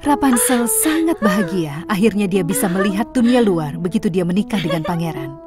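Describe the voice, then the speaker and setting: A woman narrating a fairy tale for a cartoon in an even, clear scripted storybook voice. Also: medium pitch. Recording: studio voice-over with music bed.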